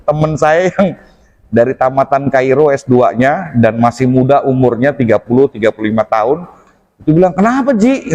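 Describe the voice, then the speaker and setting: A man gives an easygoing mosque talk, his voice sitting a little high. He tells his stories with lively jumps in pitch as he plays out each quoted exchange. A long reverb from the mosque hall trails every phrase. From Indonesia. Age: 40s. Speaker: preacher. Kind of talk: casual mosque talk with anecdotes.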